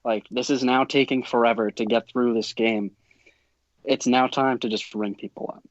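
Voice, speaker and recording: A man tells a lively story in casual talk and laughs along with it. His mid-range voice sounds dry and a little dull, with no room around it. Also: mid-range voice, normal speed, dry recording. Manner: animated, laughs through his own story. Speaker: guest umpire telling a story.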